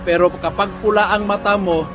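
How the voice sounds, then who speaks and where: A man's voice: high voice, steady tone, brisk, over loud music, natural voice. A man voicing a sly, drawling young joker.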